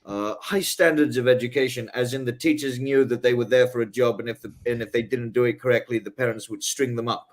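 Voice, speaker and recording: An English-accented man appears as a guest author in a casual interview, speaking fairly quickly with hardly any pauses in a medium-pitched, fairly even voice. He comes across as haughty and rambling, filling his talk with ums and rhetorical "right?"s.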